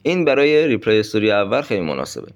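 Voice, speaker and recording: A man with a fairly low voice runs through numbered dating tips like a coach. He talks directly and casually to his listeners, as if to friends. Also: big pitch swings. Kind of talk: instructional monologue with numbered tips.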